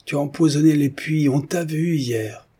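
A furious peasant crowd hurls accusations in a spoken story, as a man puts it on with a loud, higher, husky voice. It sounds rough and hostile. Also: moderate pace. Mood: accusing. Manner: shouted, accusing. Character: angry peasant mob, shouting accusations.

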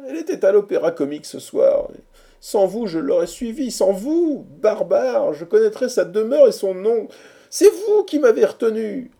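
A man voicing a lovesick, theatrical young gentleman in a storybook reading, pleading and declaiming in a raised voice. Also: sits high, very animated, moderate pace, creaky, pitched above the performer's own voice, full character voice. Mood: reproachful.

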